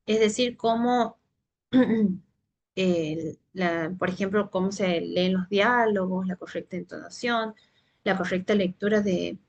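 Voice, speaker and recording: A woman giving a teacher training presentation on reading, explaining in steps with frequent "eh" pauses and restarts. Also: medium pitch, highs cut off. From Santiago del Estero, Argentina.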